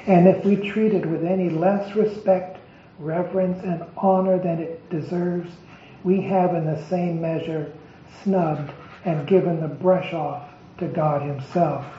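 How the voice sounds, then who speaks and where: A man preaching a devotional sermon with a raised, fairly high voice, stressing each word as he piles up lists of phrases. He speaks slowly and deliberately. The recording is muffled and lo-fi and carries a roomy echo. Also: fairly even intonation, a little hiss or hum. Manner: emphatic, deliberate listing of phrases. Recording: echoey, dull lo-fi recording.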